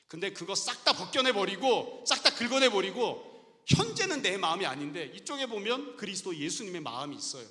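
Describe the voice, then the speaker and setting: A man's voice: high voice, sharp tone. A middle-aged man preaching a sermon as pastor, stressing points and asking rhetorical questions. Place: church sanctuary. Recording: reverberant church hall.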